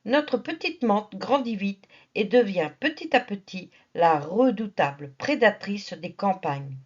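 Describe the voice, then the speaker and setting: A woman's voice: mid-range voice, lively intonation, a little slow, lo-fi sound. A woman narrating a nature documentary in a familiar, teasing storytelling manner. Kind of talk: nature documentary narration, playful asides to the viewer.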